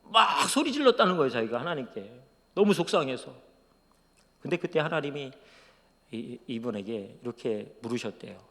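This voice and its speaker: A male pastor giving a sermon testimony, going from hushed, quiet moments to loud, emotional outbursts. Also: medium pitch, very animated, normal speed. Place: church sanctuary. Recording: long church reverb.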